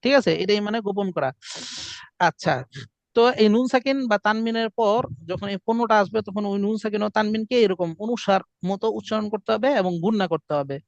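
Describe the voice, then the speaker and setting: A man's voice: high-pitched, a little fast, dry recording. A man teaching a class, explaining pronunciation and drilling students with chanted call-and-response. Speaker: Quran recitation teacher. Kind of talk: classroom lesson. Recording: dry, muffled lo-fi sound.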